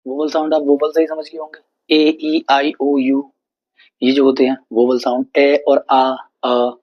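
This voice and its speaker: A man teaching an English grammar lesson, explaining slowly and repeating words with frequent checks. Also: medium pitch, monotone. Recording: dull lo-fi recording.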